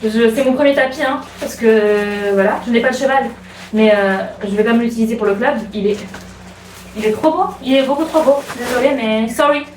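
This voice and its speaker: A young woman from France talks straight to her camera in a bubbly, gushing way, circling back to the same excited points. Her voice sits a little high. The room around her rings with noticeable echo, and faint hiss lies underneath. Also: a little fast. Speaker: vlogger. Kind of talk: casual vlog chat. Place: room at home.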